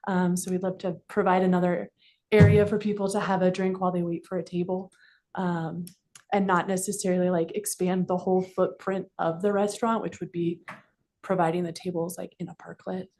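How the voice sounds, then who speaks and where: A woman's voice: fairly low pitch, level tone, a little fast, darkish tone. A woman representing a restaurant, speaking at a council meeting into a desk microphone, informal with many fillers and a little out of breath. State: slightly out of breath. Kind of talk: public comment at council meeting. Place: council chamber.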